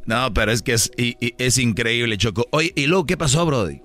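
A man's voice: medium pitch, fairly quick, a bit bright. A man with a Mexican accent co-hosting a talk show with casual, teasing banter.

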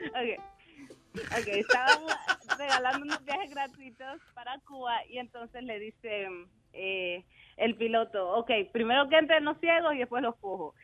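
A woman's voice: high-pitched, a little slow, bright, forceful tone, soft background music, rough recording. A woman calling a radio show to tell a joke, cheerful and giggly. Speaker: caller telling jokes. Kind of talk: casual phone-in chat.

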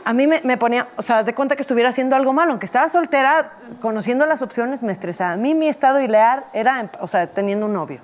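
A woman co-hosting a casual panel chat, rambling in a rushed, confessional way. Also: fairly high pitch, animated. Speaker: co-host.

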